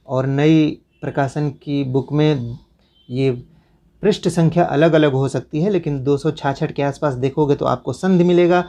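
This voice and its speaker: In a syllabus walkthrough lesson, a male teacher with a mid-range, mellow voice and some vocal fry goes through a school syllabus, repeatedly and instructively telling students which chapters to cross out.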